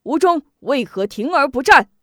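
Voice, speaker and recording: A woman's voice: high voice, very animated, normal speed, a bit bright, dry recording, clean studio sound, voice pushed up. A woman voicing an amused, commanding emperor. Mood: regal, amused. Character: shrewd, lively male emperor.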